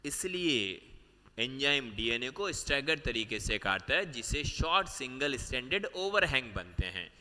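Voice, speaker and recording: A man gives an exam-prep biology lesson, walking through each step and circling back to repeat the key points. His voice is very bright and sharp. A long reverb trails after his words, like a large hall. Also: medium pitch. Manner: explains step by step, mixing Hindi with English terms; repeats key points, asks students quick questions. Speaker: biology teacher.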